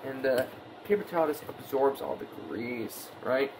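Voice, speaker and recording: This home cook host, a young man, is animated as he runs a playful cooking tutorial in his kitchen, speaking at a moderate pace in a medium-pitched voice. He talks offhand to the camera while he works. A wide-angle camera on the counter records through its own mic, with background noise.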